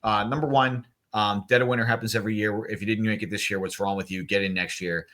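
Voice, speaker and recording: A man, an event organizer, chatting on a podcast in an animated, jokey way, with bursts of loud mock outrage. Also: on the low side, quick pace. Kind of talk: casual podcast chat.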